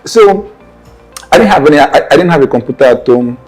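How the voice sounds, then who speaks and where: With a slightly high, expressive, darkish voice, a young Nigerian-accented man tells his life story a little fast as an interview guest, soft music behind him. His account is earnest and meandering, and he often loops back to correct himself, in conversational personal storytelling.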